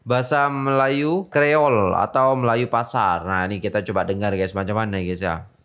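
A man's voice: fairly low pitch, fairly even intonation, normal speed, fairly bright tone, clear, resonant tone. A man hosting a casual reaction video, talking chattily and often tagging his sentences with "guys".

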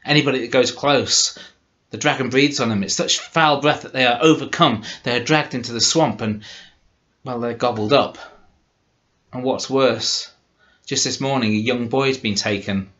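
A man's voice: mid-range voice, normal speed, fairly bright tone, natural voice. A man voicing frightened, grieving village folk in a folk tale, speaking in a pleading, earnest way. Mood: fearful. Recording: dull lo-fi recording.

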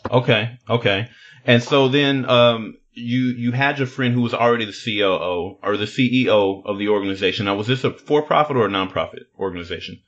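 A man's voice: fairly low pitch, fairly quick, a bit bright, lo-fi sound. A man hosting a podcast, asking long, thoughtful questions and restating what the guest said. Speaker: podcast host. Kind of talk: interview questions.

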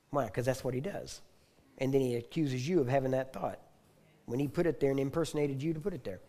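A male preacher with a mellow, darker tone recounts a personal testimony in sermon style. His storytelling is intense, circling back on repeated phrases and building to loud declarations. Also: medium pitch. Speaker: preacher teaching on healing. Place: teaching hall.

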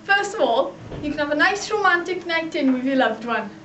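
High-voiced young Welsh Valleys woman presenter. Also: expressive, fairly quick, pushed and bright, lo-fi sound. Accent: South Wales Valleys. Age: young adult. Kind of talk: presenting an amateur explainer video. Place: small computer room, living room and shopping streets. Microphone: camcorder microphone a few feet away. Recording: roomy echo with clear background noise.

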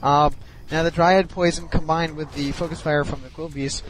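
A man's voice: fairly high pitch, steady tone, normal speed, low-quality recording. Sleepy, hesitant man commentating game replays. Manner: hesitant, many ums and restarts. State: sleepy, yawning.

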